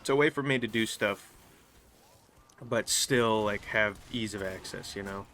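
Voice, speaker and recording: A man's voice: on the low side, fairly bright tone. A young man giving loose, casual commentary while he plays a game, often restarting his sentences and trailing off. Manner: rambling, halting, with frequent restarts and fillers. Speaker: gaming channel host. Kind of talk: casual live gameplay commentary. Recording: faint background noise.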